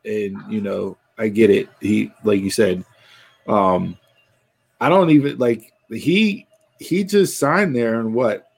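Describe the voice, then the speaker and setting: A man's voice: fairly low pitch, takes it slowly, creaky, husky. Rambling man in casual wrestling chat. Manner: rambling, restarts often.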